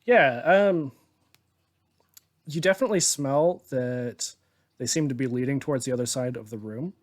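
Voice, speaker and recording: Relaxed man narrating as game master. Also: mid-range voice, normal speed. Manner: relaxed, descriptive, chuckles often.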